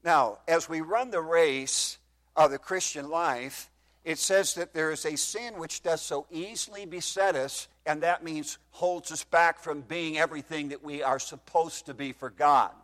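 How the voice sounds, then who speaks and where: Into a microphone in a somewhat echoey church hall, a man in his fifties delivers a sermon, quoting scripture in King James language and asking the congregation questions. He sounds a bit bright and fairly high, taking his time.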